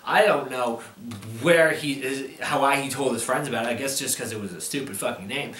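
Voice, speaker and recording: A man's voice: medium pitch, fairly quick, a bit bright, slight background noise. A man giving an angry, drunken, rambling movie review, exasperated and swearing heavily as he loses his thread. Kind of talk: ranting film review. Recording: roomy, echoing voice recording.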